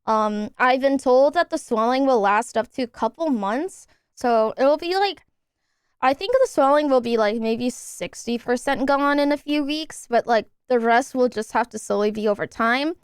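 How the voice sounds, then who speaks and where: A woman's voice: sits high, normal speed, clear, resonant tone, no room sound, clean studio sound. A young woman streaming live, chatting casually and thanking her subscribers in an upbeat way while recovering from nose surgery.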